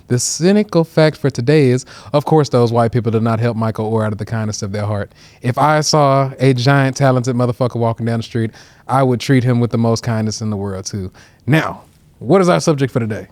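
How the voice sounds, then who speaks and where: A man co-hosting a comedy podcast, telling stories in a quick, animated way and cracking jokes. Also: mid-range voice, no echo. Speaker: podcast co-host. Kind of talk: casual comedy chat.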